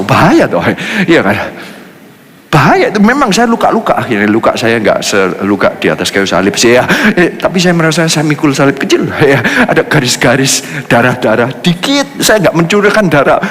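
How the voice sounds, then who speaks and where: A man pastor preaching a sermon, telling stories with lively shifts in pitch and pace and slipping English phrases into his speech. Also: normal speed. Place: large church hall. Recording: reverberant church hall with faint music.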